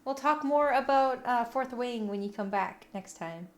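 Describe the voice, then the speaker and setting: Woman livestreamer, playful and cute, high register, unhurried casual chat with viewers. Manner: animated, expressive delivery. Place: room at home.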